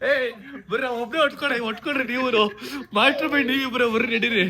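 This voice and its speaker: A young man running a casual prank vlog at home, excitable and talking straight to his viewers. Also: very high-pitched, fast, crowd noise. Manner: excitable, talks to viewers directly. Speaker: prank vlogger.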